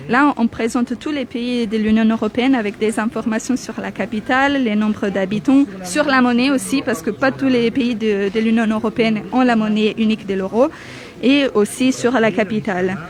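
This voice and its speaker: A woman's voice: fairly high pitch, normal speed. A woman from Italy with an Italian accent, a native Italian speaker, explaining a stand's information cards in a slightly hesitant way. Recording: crowded outdoor market.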